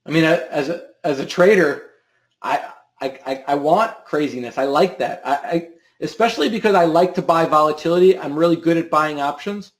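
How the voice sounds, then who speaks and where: A man with a fairly high voice speaks at a moderate pace in a reverberant space. He hosts a live options trading stream and answers a viewer's question loosely and ramblingly, often repeating words and restarting sentences.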